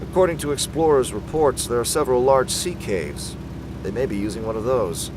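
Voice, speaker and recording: An actor playing a menacing, commanding invisible avenger in a 1940s-style radio drama, theatrical and ominous. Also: male voice, mid-range voice, a little fast, noisy background, close to an everyday voice. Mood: resolute.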